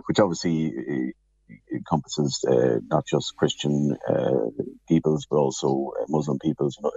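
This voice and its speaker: A man's voice: a bass voice, mellow. A man giving careful, hesitant commentary as a radio interview guest from his office, with an alarm beeping behind him. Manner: measured, hesitant, careful explaining. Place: office, on a remote link. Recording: muffled, echoey office, husky-sounding remote link.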